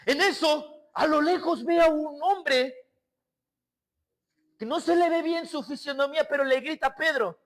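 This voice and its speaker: A male pastor preaching a sermon, swinging between loud exclamations and quiet asides and acting out the scenes he tells. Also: very high-pitched, a little slow, soft background music. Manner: acts out quoted voices and scenes.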